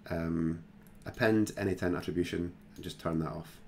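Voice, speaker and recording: A man hosting a screen-recorded software tutorial, talking casually and thinking aloud with plenty of fillers. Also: low-pitched, steady tone, normal speed, a little hiss or hum. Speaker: tutorial host.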